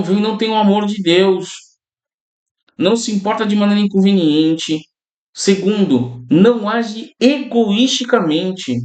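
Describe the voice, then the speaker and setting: A male pastor delivers a sermon in a fairly high voice. He talks to his listeners like a conversation, often calling out to them and checking in with them. The room around him is echoey. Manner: conversational preaching, often addresses listeners as brothers and tags lines with "né?".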